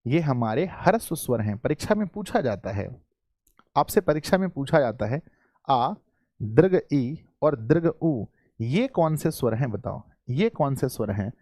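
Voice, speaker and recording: A male Hindi grammar teacher with a Bihari accent, giving a live online class. He keeps asking his students questions, repeats key points, and often clears his throat. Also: medium pitch, sing-song, unhurried, darkish tone, dry recording, studio quality.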